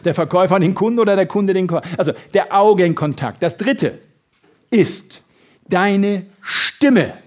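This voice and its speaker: Lively German man giving a sales seminar. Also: high voice, normal speed. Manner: lively, shifts loud and soft for emphasis, acts out little scenes. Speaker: sales trainer. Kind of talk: motivational seminar talk.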